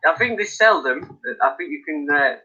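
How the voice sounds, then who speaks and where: A man hosting a live stream from his attic, telling animated stories, laughing and swearing freely in casual chat. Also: fairly high pitch, a little fast, husky. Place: indoors by an open attic window. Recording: dull lo-fi stream audio.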